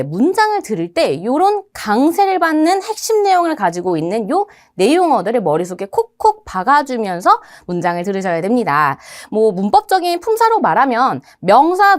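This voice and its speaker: A young woman teaching exam listening skills in a studio video lecture, with an animated teacherly delivery, asking questions and answering them herself. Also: a little high. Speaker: TOEIC listening instructor. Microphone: studio microphone.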